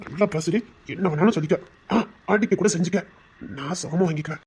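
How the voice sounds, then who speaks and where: A woman's voice: lowish voice, a little mellow, slightly rough. A woman voicing a playful young man in love, a former rowdy now working as a bank manager, in a Tamil audio drama. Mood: tender teasing. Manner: fast, playful, coaxing.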